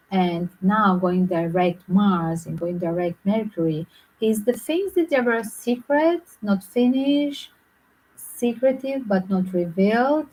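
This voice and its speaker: A woman tarot reader talking to her viewers in a loose, rambling way, often filling pauses with "like". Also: mid-range voice, a little mellow, poor audio. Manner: rambling, frequent "like" fillers. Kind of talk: casual speculative monologue to viewers.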